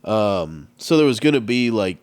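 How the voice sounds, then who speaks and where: A man's voice: on the low side, very animated, normal speed, a little mellow, clear, resonant tone. A man with a stuffed-up nose, chatting casually as a game master and rambling through restarts and fillers. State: congested, stuffed up. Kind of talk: casual podcast chat.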